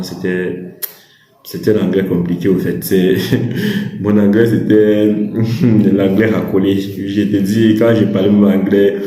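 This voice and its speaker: Male vlogger, rambling advice monologue, dark tone, echoey room. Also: on the low side. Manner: rambling, many restarts and fillers, laughs at himself. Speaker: YouTuber advising on study in China. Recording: roomy echo.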